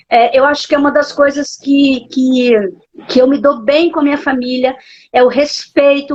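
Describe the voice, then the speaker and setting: A woman's voice: high-pitched, darkish tone. A woman with a Brazilian Portuguese accent, a pastor giving an emotional testimony in a live interview, her voice sometimes breaking. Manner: emotional storytelling, voice breaking at times. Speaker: guest, pastor. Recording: dull lo-fi live stream audio.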